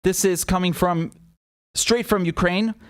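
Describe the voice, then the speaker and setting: High-voiced man rambling through live news commentary. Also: fairly even intonation. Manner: rambling, halting, often drifts into tangents.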